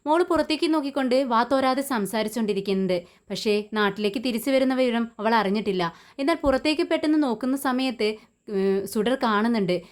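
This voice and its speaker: A woman's voice: fairly high pitch, a little fast. A woman retelling the story of a TV serial in casual narration, often restarting words.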